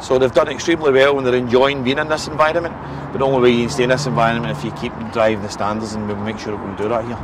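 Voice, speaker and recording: A man's voice: medium pitch, fairly even intonation, very fast. A Scottish man in his forties, a football manager giving a post-match interview outdoors, frank and repetitive, with many eh and listen fillers. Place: outdoors beside a football pitch. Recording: outdoor noise with passing traffic.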